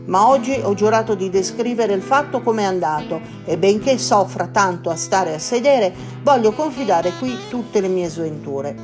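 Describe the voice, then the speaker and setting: An expressive woman reading a children's storybook aloud, with a mock-earnest, confiding tone. Her voice sits at a middle pitch, and guitar music plays clearly beneath her. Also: normal speed, hardly any pauses. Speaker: audiobook narrator. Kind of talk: storybook reading in a boy's diary voice.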